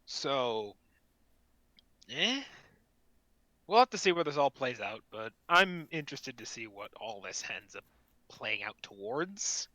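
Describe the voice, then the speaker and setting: A man's voice: mid-range voice, very animated, normal speed, bright, forceful tone, dry recording, rough recording. A man co-hosting a casual gaming chat, chatty and self-mocking, laughing often. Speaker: podcast co-host.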